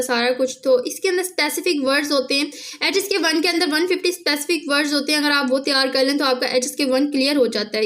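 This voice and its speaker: A woman teaching a casual language lesson, often checking in with "theek hai" and slowing down to spell out sounds. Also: sits high, fairly bright tone. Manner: repeats "theek hai" after each point, spells out sounds slowly.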